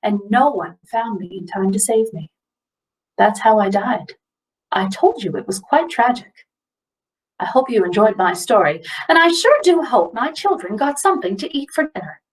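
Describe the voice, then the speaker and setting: A woman's voice: fairly high pitch, expressive, normal speed, recorded from a distance, close to an everyday voice, rough recording. Woman playing a forgetful old-time ghost mother. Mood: rambling. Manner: rambling, scatterbrained, loses her train of thought. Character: chatty forgetful ghost of a 19th-century mother. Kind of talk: first-person historical monologue.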